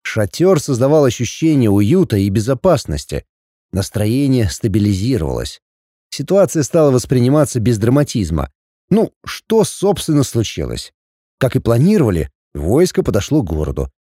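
A man reading an audiobook as narrator, telling the story in an expressive, wry way. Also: medium pitch, brisk, no echo, studio quality.

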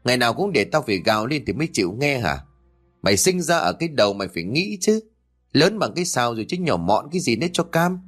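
A man voicing a harsh, nagging old grandmother who scolds rapidly, in an audio story. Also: mid-range voice, very animated, a bit bright, breathy edge, soft background music. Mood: scolding.

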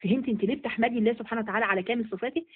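A woman's voice: on the high side, very fast, slightly rough, phone-quality sound. A woman teaching a Quran study lesson in Egyptian Arabic, asking and answering her own questions as she goes. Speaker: religious teacher.

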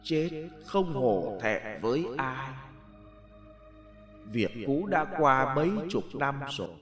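A man voicing the calm ghost of an old husband who speaks in a hushed, slow, consoling way. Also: medium pitch, roomy sound, in a large hall, over music.

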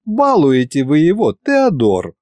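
Gentle young woman, mild scolding tone, pitched up higher, as a man puts her on. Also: wildly swooping pitch, a little slow, dry recording.

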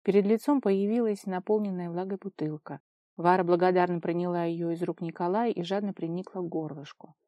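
A woman narrating a fantasy novel in a steady storytelling voice. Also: fairly low pitch, brisk, no echo. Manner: steady storytelling, lively dialogue. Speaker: audiobook narrator. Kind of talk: scripted narration.

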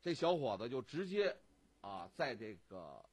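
Husky man chatting on radio. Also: mid-range voice, sing-song, measured pace. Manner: retells the story with many fillers. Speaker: radio co-host. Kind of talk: casual radio chat.

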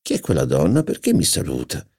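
A man's voice: extremely low pitch, huge pitch swings, brisk, vocal fry, darkish tone, slightly rough, full character voice. A man reading an audiobook, voicing a haughty, insolent aristocratic duchess with a drawling, incredulous, mocking manner. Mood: affronted. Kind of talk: audiobook character voice.

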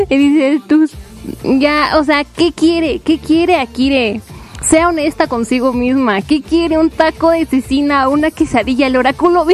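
A woman, chatting casually on a live stream, giggling often and reading out her viewers' messages. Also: sits high. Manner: giggly, playful, reads chat aloud.

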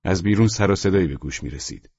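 A man narrates an audiobook in a low, husky voice with steady, measured delivery. The sound is dry and close, with a dull, lo-fi tone. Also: no room sound. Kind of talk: scripted first-person audiobook narration.

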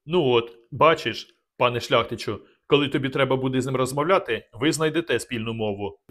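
A hot-tempered old country squire who booms and scolds, done by a man reading aloud. His voice rises well above the narrator's and stays loud. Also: a little fast, close to an everyday voice. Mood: scolding. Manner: booming, scolding.

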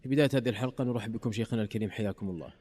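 A male radio host speaks formal Standard Arabic at a brisk pace. His voice is mellow and mid-pitched, with a courteous delivery. The sound carries a long reverberant tail. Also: slightly rough. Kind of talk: formal Standard Arabic presenting, reading listener questions.

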